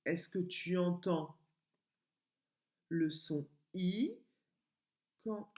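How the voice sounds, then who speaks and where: Woman teaching little kids from home, real slow and singsongy, roomy echo. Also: lowish voice, darkish tone. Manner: slow, sing-song, stretching out sounds for small children. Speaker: kindergarten teacher. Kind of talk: home-schooling lesson video for young children. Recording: echoey room.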